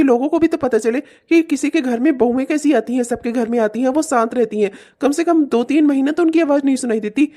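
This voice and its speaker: A woman's voice: sits high, mellow, natural voice. A woman voicing an angry, fed-up young husband in a cartoon, threatening and complaining. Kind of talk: cartoon voice acting.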